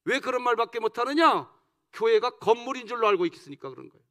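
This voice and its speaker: A man's voice: very high-pitched, very animated, fast, a bit bright. A male senior pastor preaching a sermon, leading the congregation in call-and-response and teasing them playfully. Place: church sanctuary.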